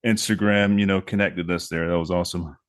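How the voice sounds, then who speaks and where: A man's voice: deep voice, fairly even intonation, fairly quick, clean tone, no echo, clean studio sound. A man hosting a horror podcast, talking in a laid-back, rambling way with plenty of fillers and casual swearing. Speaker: podcast host.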